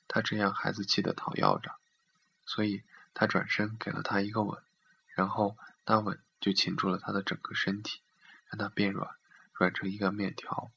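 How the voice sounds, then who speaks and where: A man reading a literary story aloud in a steady, measured way. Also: on the low side, creaky, slightly rough.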